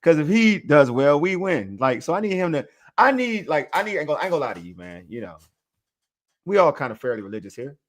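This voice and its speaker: A man hosting a casual sports podcast, talking in an animated, hyped way that swings from loud excitement to quiet asides, often repeating himself and ending lines with "man". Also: on the high side, quick pace. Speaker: podcast host.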